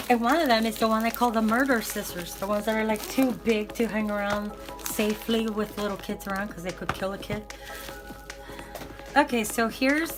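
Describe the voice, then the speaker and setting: A raspy-voiced woman, worn out with bronchitis, chats casually in an ASMR unboxing vlog, rambling and often correcting herself. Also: on the high side. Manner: rambling, hesitant, self-correcting. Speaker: art supply vlogger.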